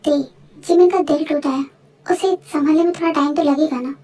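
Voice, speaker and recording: A woman voicing a gentle, reassuring young man in a fan voice-over drama. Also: sits high, fairly even intonation, a little fast, recorded from a distance, lightly acted. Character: sweet-talking young boyfriend.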